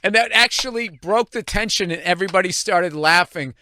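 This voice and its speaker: A man's voice: high voice, a little fast, bright, forceful tone, slight background noise. A man hosting a podcast, swapping blunt, profane stories in casual conversation. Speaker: podcast host.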